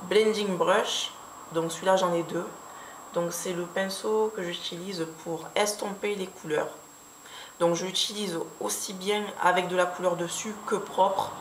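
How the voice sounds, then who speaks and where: A woman with a fairly low voice explains her makeup brushes one by one, pausing often with little fillers. She sounds recorded in a roomy, echoing space, with a faint hiss underneath. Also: fairly even intonation. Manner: hesitant, many fillers, unhurried explaining. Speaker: beauty vlogger. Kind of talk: casual product review. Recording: echoey room with faint background hiss.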